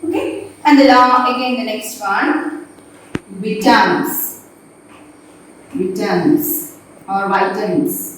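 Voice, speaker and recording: A woman's voice: fairly high pitch, slow pace, pauses often, fairly bright tone, a little hiss or hum. Echoey far-off woman teacher at a board. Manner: repeats points and quizzes the class. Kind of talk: classroom lesson at a board. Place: classroom.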